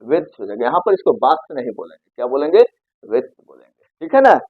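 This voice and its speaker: A man's voice: medium pitch, sing-song, fast talker, slightly rough, dry recording. Man, English teacher, lesson, spells letters, self-answering questions, dull dry recording. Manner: asks questions and answers them himself. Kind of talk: Hindi-language pronunciation lesson.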